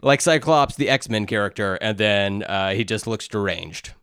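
A man's voice: on the low side, normal speed, a bit bright, clean tone, dry recording, studio quality. A man co-hosting a podcast in casual chat, joking and rambling with plenty of fillers. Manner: jokey, rambling with many fillers. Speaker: podcast co-host.

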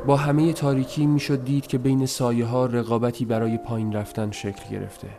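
A man reading a story aloud in a soft, measured, somber voice, as scripted narration. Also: medium pitch, flat delivery. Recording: noisy recording.

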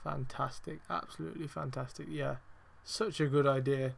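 A man hosting a casual wrestling review podcast, rambling with lots of fillers, swearing heavily and getting excitable and emphatic. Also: mid-range voice, normal speed, gravelly. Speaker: podcast host.

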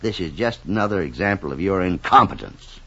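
An actor playing a gruff, domineering businessman and cold father in an old radio drama. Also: low voice, expressive, a little fast, sharp tone, exaggerated voice. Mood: bullying. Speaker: company boss. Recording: dull lo-fi old radio recording.

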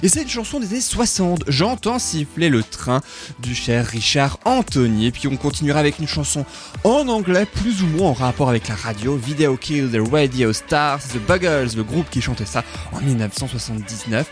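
A man hosting a radio music show, telling song stories in a lively, chatty way with many fillers. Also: mid-range voice, normal speed. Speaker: radio host.

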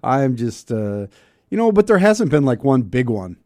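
A man's voice: mid-range voice, very animated, moderate pace, warm tone, dry recording. A male talk radio host chats casually in a mid-range voice. He grumbles wryly and tosses out rhetorical questions. The sound is close and dry.

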